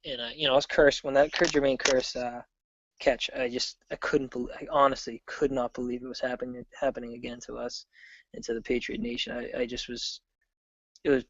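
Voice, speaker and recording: Over a dull remote call, a male guest chats casually about sports, an excitable fan who rambles and keeps restarting his thoughts. His voice is mid-range and creaky, with no echo.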